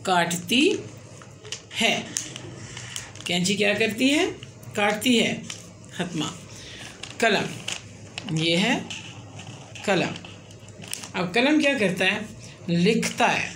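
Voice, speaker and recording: A woman teaching letters and words at a slow, unhurried pace, counting each letter out loud. She pauses to check in as she goes. A faint hiss runs behind her voice. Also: medium pitch, animated. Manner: counts letters aloud, checks in with "theek hai". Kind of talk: slow step-by-step writing lesson.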